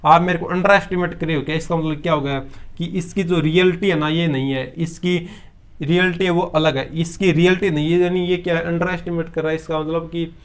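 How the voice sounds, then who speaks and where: A man gives a classroom-style vocabulary lesson in a slightly high, fairly even voice, speaking fairly quickly. He poses questions aloud and answers them himself, mixing English words into his explanations.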